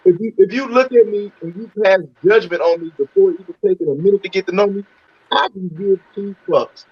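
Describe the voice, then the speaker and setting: A high, husky male voice reaches the show muffled and dull, as if heard through a wall over a poor phone line. He talks bluntly, swears freely and repeats himself as he pushes his point. The sound is lo-fi and smothered throughout. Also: brisk, no room sound. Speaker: caller on a call-in talk show. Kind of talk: frank casual talk.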